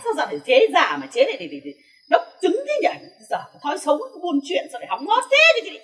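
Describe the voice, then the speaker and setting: A woman's voice: high voice, huge pitch swings, a bit bright, heavily acted. A woman playing an indignant woman who scolds others for gossip in a comedy sketch. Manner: fast, scolding, lecturing. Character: indignant woman, angry at being rumored dead. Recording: roomy echo, distant mic.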